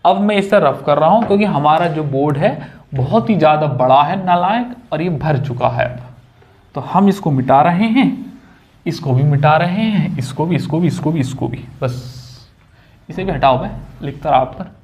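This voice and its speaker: High-voiced casual maths teacher. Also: male voice, lively intonation, normal speed, a little mellow. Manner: casual, chatty, joking asides to students. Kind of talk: whiteboard maths lesson.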